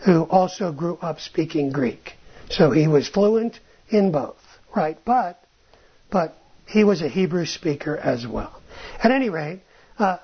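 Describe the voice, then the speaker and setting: A Bible teacher speaks informally in a mid-range, slightly rough voice, thinking aloud, restarting phrases, and ending points with a questioning "right?" The recording has a dull, lo-fi sound.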